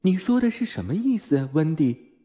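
Gentle puzzled mother, voiced by a man. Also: on the high side, big pitch swings, normal speed. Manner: tender, questioning.

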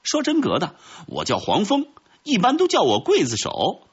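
A man doing a swaggering female killer wasp in a storybook, crying out high and sharp. The voice is husky and the recording sounds dull. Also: huge pitch swings, moderate pace, heavily acted. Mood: boastful. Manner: high, exclaiming, brash. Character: murderous female wasp, bold and curious.

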